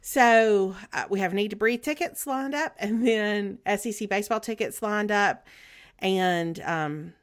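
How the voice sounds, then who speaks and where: A middle-aged woman with a Southern US accent chatting casually as a podcast co-host, in a rambling, halting way. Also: mid-range voice. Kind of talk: casual chat.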